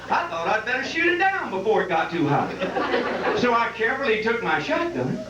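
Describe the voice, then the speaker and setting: This event host speaks with a cowboy drawl in a high, sing-song voice at a slightly fast clip, reciting comic country verse at a live benefit. A loud crowd fills the distant, echoey, muffled recording from the noisy hall.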